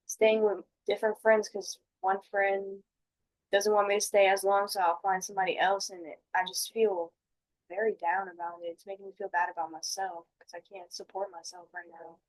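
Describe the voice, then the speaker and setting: Woman acting as a dejected, halting counseling client. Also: medium pitch, close to an everyday voice, low-quality recording. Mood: downcast. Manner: downcast, halting, confiding. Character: dejected jobless, homeless woman confiding in a counselor. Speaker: client in a role play. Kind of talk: mock counseling session.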